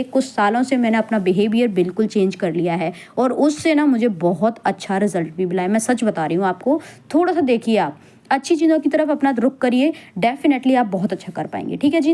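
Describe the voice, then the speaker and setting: A woman's voice: mid-range voice, dark tone. A woman in her thirties, a working mother and vlogger, talking casually and earnestly to viewers with many fillers as she gives advice. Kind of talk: casual voice-over chat with viewers.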